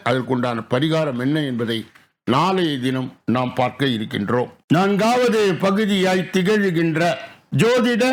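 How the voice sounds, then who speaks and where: A male astrologer, reading out astrology rules in slow, deliberate, evenly spaced phrases. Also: on the high side. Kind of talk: reading daily astrology segments.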